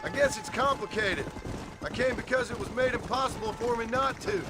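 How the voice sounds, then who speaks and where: An actor voicing a terse, hardened former outlaw, dry and quietly menacing. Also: male voice, very high voice, fairly quick, noisy background.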